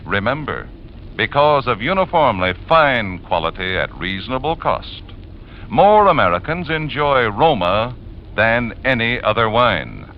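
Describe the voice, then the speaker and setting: A man's voice: medium pitch, very animated, a little slow. A man announcing a scripted 1940s radio advertisement with polished, emphatic salesmanship. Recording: dull, faintly hissy 1940s radio recording.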